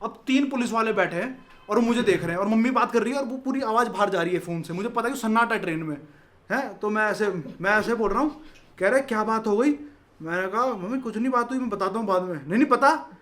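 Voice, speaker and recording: A man, telling a story in casual chat, animated, acting out voices and laughing often. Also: high voice, fast. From Delhi, India. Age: 20s.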